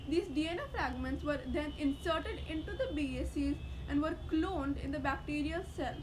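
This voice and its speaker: A woman's voice: high voice, normal speed, background noise. A woman reading a formal case-study presentation aloud from a teleprompter, carefully, like a student presenter.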